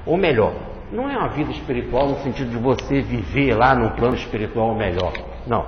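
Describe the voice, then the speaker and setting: A man's voice: mid-range voice, expressive. A man giving a religious study lecture, explaining and listing points one by one. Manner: explanatory, repeats and enumerates points slowly. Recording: echoey hall, dull lo-fi, faint hiss.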